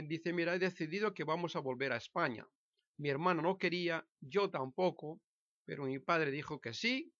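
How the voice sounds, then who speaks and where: A man in his sixties from Spain with a Spanish accent, telling his own story to camera in a halting way, often restarting and correcting himself. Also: a little high, fairly bright tone, dry recording, muffled recording. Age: 60s. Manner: hesitant, halting, with frequent restarts and self-corrections. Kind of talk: casual personal monologue to camera.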